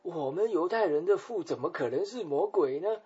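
Man putting on indignant accusers: high-pitched, incredulous, gravelly, on a dull lo-fi recording. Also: animated, fairly quick, darkish tone, exaggerated voice. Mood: outraged. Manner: exclamatory, incredulous. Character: indignant male accusers, scornful and outraged.

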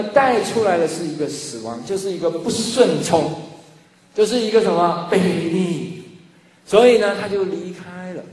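Pastor guy preaching, highish voice, acts out little scenes, big echoey hall w faint hum. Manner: animated storytelling, acts out dialogue. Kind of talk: sermon.

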